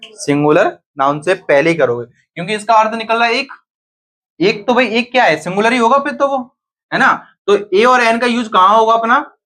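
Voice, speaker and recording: A man's voice: high-pitched, lively intonation, moderate pace, bright, forceful tone. A man teaching a grammar lesson to a class, often asking students questions and then answering them himself.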